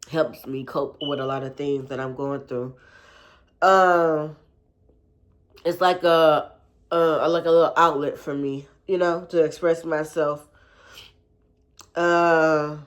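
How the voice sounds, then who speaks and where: A young woman tells a personal story to her listeners. Her voice sits a little low, and her delivery is loose and chatty, full of fillers, with frequent asides to "y'all". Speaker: podcast host. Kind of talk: casual storytelling to camera.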